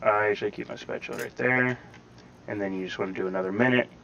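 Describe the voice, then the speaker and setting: This fairly low, creaky, fairly bright male voice keeps a steady tone and a quick pace. He's a gaming tutorial host giving casual, rambling step-by-step commentary with some hedging. The dull recording has faint background noise, and slightly robotic processing gives his voice a synthetic edge.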